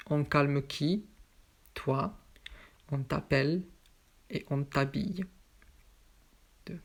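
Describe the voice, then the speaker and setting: A French teacher working through a grammar lesson at an unhurried pace. The voice has a gravelly, fry-tinged edge. Example sentences are repeated patiently, one at a time. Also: mid-range voice. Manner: slow, patient drilling of examples.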